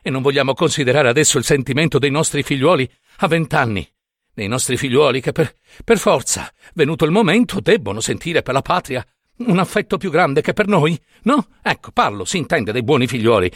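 Brief: man voicing an overweight, wheezy older traveler in his fifties, indignant and lecturing, very lively swings in tone, dry close sound. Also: a little high, no echo. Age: 50s. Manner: heated, lecturing, rhetorical questions. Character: fat, breathless, indignant older male traveler.

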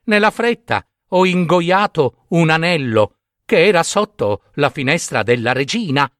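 A man's voice: fairly high pitch, expressive, unhurried, a bit bright, no echo, clean studio sound. Man playing overstuffed duck, groaning, sighing, storybook.

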